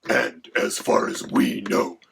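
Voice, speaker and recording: A voice, given as male, playing a haughty dragon companion with a gravelly, creaky, half-whispered sound. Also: takes it slowly, background noise, close to an everyday voice. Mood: lecturing. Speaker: co-host.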